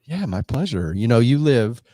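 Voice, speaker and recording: Here the same kind of host, a man congested from a head cold, chats and rambles through a live podcast, breaking into his own sentences. His medium-pitched voice has a sing-song lilt and a dark tone at a moderate pace, recorded on a live-stream desk microphone with no room sound.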